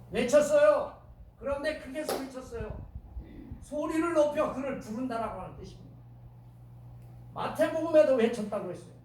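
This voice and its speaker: Male pastor, Chungcheong accent, dramatic sermon, acts out shouts, church reverb, faint room noise. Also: very high voice. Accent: Chungcheong Korean. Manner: dramatic, acts out shouted quotes, asks the congregation questions. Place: church sanctuary. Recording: very echoey church from a distant mic.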